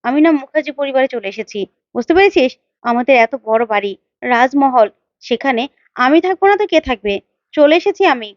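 Woman doing a defiant young heroine: blunt, mocking threats, quick and high. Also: lively intonation, no echo, muffled recording. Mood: threatening.

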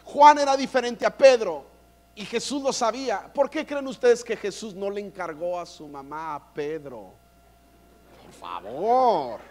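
A man's voice: high voice, long reverb tail, slight background noise. A man preaching at a church conference, joking and playful with the crowd. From Mexico. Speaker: conference speaker. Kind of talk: humorous preaching.

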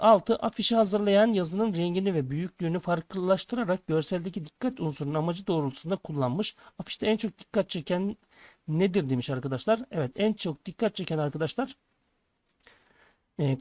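A man's voice: a little high, animated, brisk, darkish tone, dry recording. A male teacher working through textbook exercises for sixth graders, reading each question aloud and answering it. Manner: addresses pupils as friends, reads questions aloud then answers. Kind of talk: textbook lesson walkthrough.

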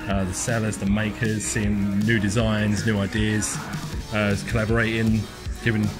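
A man's voice: lowish voice, level tone, moderate pace. A man interviewed at a convention, talking enthusiastically and listing things. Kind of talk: casual interview. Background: background music.

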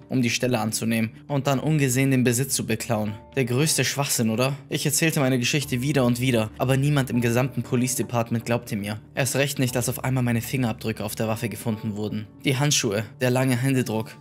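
Male horror audiobook narrator. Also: medium pitch.

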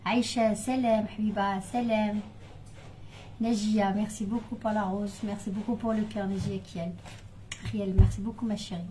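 A woman hosting a live cooking stream, chatting casually and greeting viewers one by one with warm words. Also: medium pitch, flat delivery, measured pace, a little hiss or hum, rough recording.

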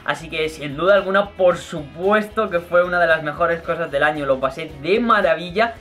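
A young adult YouTuber from Murcia, Spain, answers questions in a casual Q&A vlog, speaking close to the camera in his bedroom with faint music beneath. His voice is slightly high-pitched, bright and forceful at a normal speed, with a light Murcian accent he mostly holds back on camera. He's chatty and playful, gestures a lot and laughs easily.

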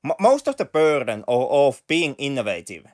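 A man's voice: medium pitch, sing-song, normal speed, darkish tone. A man co-hosting a film podcast, reasoning carefully and politely in casual discussion. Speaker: podcast co-host.

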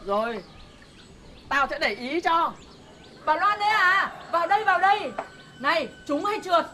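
A woman's voice: extremely high pitch, expressive, normal speed, sharp tone, a little hiss or hum, heavily acted. A gossipy older village woman. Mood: chatting. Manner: chatty, gossiping, bossy.

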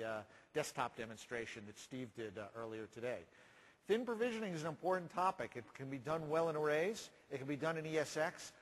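A man in his forties giving a measured, explanatory keynote talk on a large conference stage, pausing often with "uh". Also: mid-range voice, low-quality recording. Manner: measured, explanatory, frequent uh fillers. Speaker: keynote presenter.

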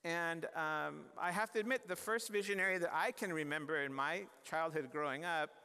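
A man in his forties gives a chapel address in an earnest, conversational way, often restarting his sentences. His voice sits a little high for a man. A long reverb from the large hall trails each phrase. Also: moderate pace, bright, forceful tone, smooth. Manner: gestures and moves about the stage. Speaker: chapel speaker. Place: large university chapel stage.

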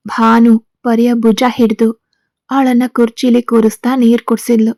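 A woman narrating a serial story in a calm, even storytelling voice. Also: fairly high pitch, unhurried, no echo.

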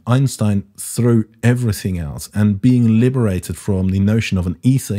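A man's voice: on the low side, mellow. A man narrating a casual science history explainer in a dry, irreverent way, with the odd swear word. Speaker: science video host.

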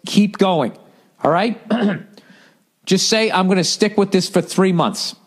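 Taking his time, with a breathy edge, a middle-aged man from the US hosts a podcast where he reads listener letters and gives blunt, heavily profane advice. He mocks people by switching into higher-pitched put-on voices, all in a casual rant.

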